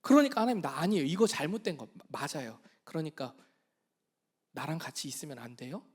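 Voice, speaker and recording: A man's voice: fairly high pitch, lively intonation, fairly quick, slightly rough, voice pushed down. A male pastor voicing Moses, who pleads and whines insistently to God, refusing to go on without him. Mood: pleading.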